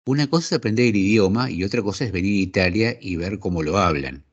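A man with an Argentine Spanish accent asking an interview guest measured, thoughtful questions. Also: lowish voice, breathy edge. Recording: dull lo-fi sound.

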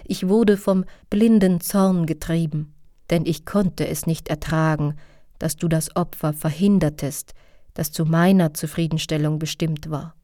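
A repentant king of the heavens pours out a humble, pleading prayer, as a woman reads him aloud. The voice sits low and mellow, recorded dry and close in a storybook reading. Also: steady tone, unhurried, dry recording.

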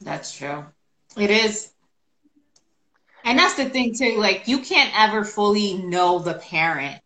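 A woman's voice: medium pitch, expressive, slow pace, pushed and bright, poor audio. A woman co-hosting a casual chat show over a video call, chatty and opinionated, leaning on "like" a lot. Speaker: podcast co-host.

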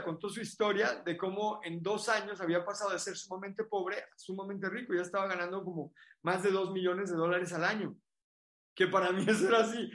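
In a casual interview recorded in an echoey room, a motivational speaker from Mexico tells an emphatic, animated story. He speaks with a Mexican Spanish accent in a voice that sits high.

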